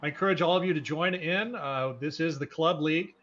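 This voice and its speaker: A brisk, slightly bright, fairly high male voice commentates a live sim racing broadcast he's hosting, sounding folksy, informal and eager. There's slight background noise, and the recording is dull lo-fi broadcast audio.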